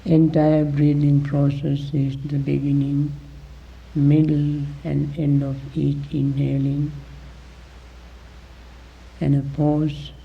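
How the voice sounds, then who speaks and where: Speaking in short, deliberate phrases broken by long pauses, a man leads a guided meditation as its teacher. His gravelly voice sits on the high side, and the recording sounds dull.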